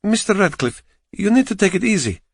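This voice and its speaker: A man's voice: sits high, big pitch swings, a little fast, gravelly, breathy edge, no echo, clean studio sound, pitched above the performer's own voice, exaggerated voice. A man doing a kind Eastern European nurse. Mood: reassuring. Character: kind, brisk female hospital nurse. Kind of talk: audiobook character voice.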